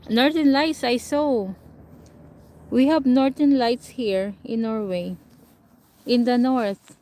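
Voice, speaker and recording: Chatting with viewers on a casual livestream, a woman from the Philippines answers their comments and laughs often. Her Filipino-accented voice is on the high side, slow and a little mellow, captured by a camera or phone mic placed a short way off.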